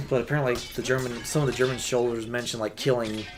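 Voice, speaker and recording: Playing a game over music, a young man with a sore, scratchy throat hosts a rambling chat and swears casually. His mid-range voice moves fast.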